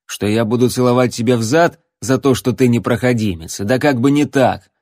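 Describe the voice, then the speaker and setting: A man voicing a coarse, surly male hermit hunter who hates people and shouts insults. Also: moderate pace, no room sound, studio quality, natural voice. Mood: scornful. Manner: shouting insults, later shrill panicked falsetto.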